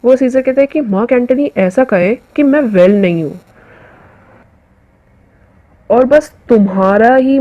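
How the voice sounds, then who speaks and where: A woman teacher who reads the English lines of a play slowly and then explains them in Hindi mixed with English. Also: mid-range voice, dark tone, rough recording.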